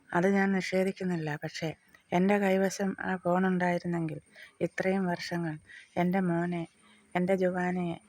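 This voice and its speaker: A reader voicing a grieving captive mother, gravelly. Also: fairly low pitch, darkish tone, dry recording. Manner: pleading, sorrowful questions. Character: grieving mother held captive far from family. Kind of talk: audiobook reading of a novel.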